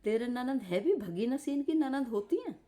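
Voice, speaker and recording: Woman ranting abusively, dark voice. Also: sits high, animated, moderate pace. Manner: abusive, scolding, insulting. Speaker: live streamer. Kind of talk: angry roast rant. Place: lying in bed.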